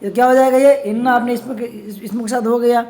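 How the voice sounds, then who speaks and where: A man's voice: very high-pitched, fairly even intonation, darkish tone. Man teaching, quizzing his class. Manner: keeps quizzing students with questions and answering them himself; reads Arabic passages slowly and deliberately. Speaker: religious studies teacher. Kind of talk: classroom lesson explaining Arabic grammar of scripture.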